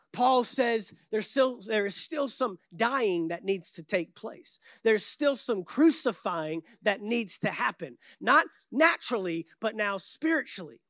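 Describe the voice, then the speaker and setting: A preacher gives a sermon with an exhorting, emphatic delivery. The voice sits at a medium pitch and leans on repeated phrases, slipping into a conversational way of addressing the congregation. The sound is dry, with very little room to it. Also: a bit bright, no echo.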